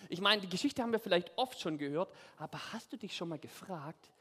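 Ein Mann mit schwäbischem Akzent erzählt Kindern verspielt und mitreißend eine Bibelgeschichte aus der Sicht einer Figur. Seine Stimme liegt hoch und springt lebhaft, und alles hallt lang im großen Raum nach. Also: male voice, sits high, fast talker, slightly rough. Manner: animated, playful, addressing children directly. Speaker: children's storyteller. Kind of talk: in-character Bible storytelling to children. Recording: echoey hall.

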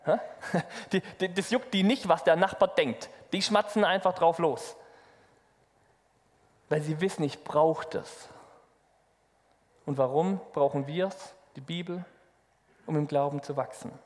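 Brief: male preacher, high pitch, lively sermon, long reverb of a hall. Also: measured pace, pauses often. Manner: lively, addresses the congregation directly.

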